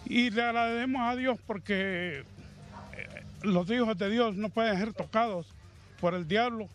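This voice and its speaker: Outdoors beside his burned house, a middle-aged man with a Honduran accent is interviewed about losing his home, speaking into a reporter's handheld mic. He talks slowly and haltingly in a pious way, using religious phrasing, his voice high-pitched, with soft music in the background.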